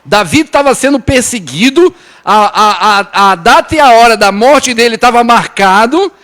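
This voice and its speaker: High-voiced Brazilian pastor preaching. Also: male voice, lively intonation, normal speed. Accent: Brazilian Portuguese, São Paulo. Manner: restarts and repeats words, asks the congregation "né?"; swings from raised urgent lines to soft low ones. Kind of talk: sermon.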